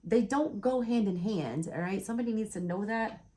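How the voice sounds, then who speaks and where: A woman's voice: medium pitch, moderate pace, noisy background. Woman, Southern US accent, casual tarot reading, blunt and swearing, keeps asking "all right?", hiccuping. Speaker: tarot reader.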